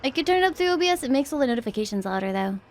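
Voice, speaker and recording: A scared, jumpy woman livestreams a horror game, chatting with viewers and exclaiming as she reacts to what she's playing. Her high-pitched voice is very animated and rapid-fire, with a little hiss or hum in the audio.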